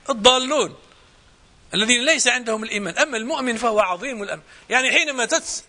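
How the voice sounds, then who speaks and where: With an extremely high-pitched voice that sounds pushed and bright, a man with a Moroccan accent explains Quran exegesis point by point. He repeats phrases and slows to a measured recitation for quoted verses.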